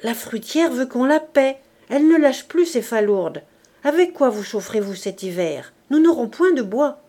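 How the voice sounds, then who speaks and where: A woman's voice: high voice, animated, moderate pace, dark tone. A woman reading aloud and voicing an old housekeeper who keeps complaining insistently in a raised voice. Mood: nagging.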